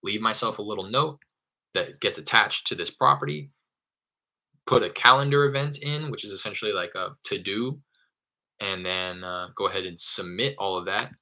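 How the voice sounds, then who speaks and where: Low husky guy walking thru his calls live, loose and chatty, swears a bit. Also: moderate pace, sharp tone. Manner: casual, loose explaining with fillers and the odd curse. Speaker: real estate wholesaler teaching cold calling. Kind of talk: live screen-share tutorial.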